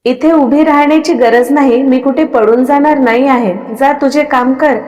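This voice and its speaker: A woman voicing a defiant, sharp-tongued young woman in a storybook reading, speaking coldly. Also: high-pitched, fairly even intonation, moderate pace, lightly acted. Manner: cold and defiant. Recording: long reverb on the voice.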